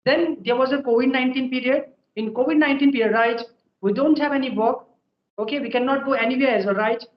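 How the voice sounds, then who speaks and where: Quick-paced and very high-pitched, a young man with an Indian accent, a native Hindi speaker, shares tips as a guest English learner. His casual, step-by-step advice is peppered with "okay" and "right," and the echoey recording has its highs cut off.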